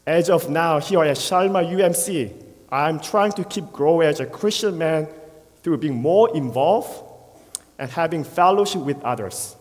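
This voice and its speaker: A man in his thirties from South Korea, speaking with a Korean accent, giving an earnest, prepared personal testimony at church with brief pauses. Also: fairly high pitch. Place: church sanctuary. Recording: long church hall reverb.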